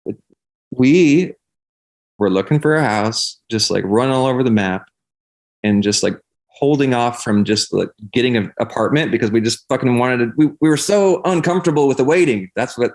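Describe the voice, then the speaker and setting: A man's voice: lowish voice, vocal fry, a little mellow. A man talking candidly and casually as a podcast guest, in an earnest, rambling way peppered with swearing.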